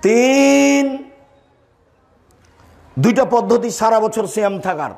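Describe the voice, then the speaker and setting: A man's voice: sits high, slow. An older man preaching a sermon, teaching his audience, repeating key points, asking them questions and scolding those who talk. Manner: scolds listeners for talking. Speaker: Islamic preacher.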